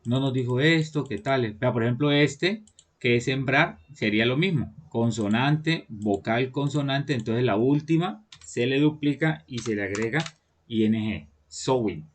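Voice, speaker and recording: Patient teacher checking understanding. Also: male voice, medium pitch, unhurried. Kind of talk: online class explanation.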